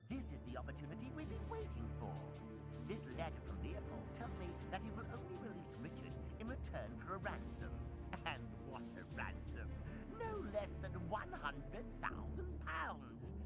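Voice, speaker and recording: An actor playing a scheming, power-hungry villain prince in a video game, with a pompous, theatrical, mustache-twirling manner. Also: male voice, on the high side, huge pitch swings, moderate pace, over loud music. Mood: indignant, gloating.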